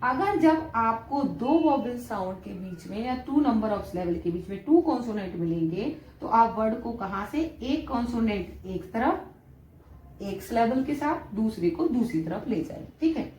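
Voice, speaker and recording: A woman's voice: on the high side, animated, a little slow, a little mellow. A young woman teaching with an Indian accent, explaining step by step and checking with frequent questions. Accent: Indian English. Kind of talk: classroom-style English lesson. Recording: echoey room, faint background noise.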